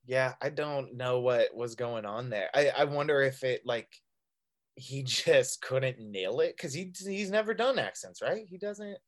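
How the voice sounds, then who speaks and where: A man co-hosting a casual movie chat, reacting quickly and laughing along. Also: mid-range voice. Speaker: podcast co-host.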